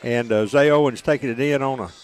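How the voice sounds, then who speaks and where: Man, radio color analyst, mid-pitched, slow drawl with dry teasing. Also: clean tone. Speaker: color commentator. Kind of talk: local radio football commentary.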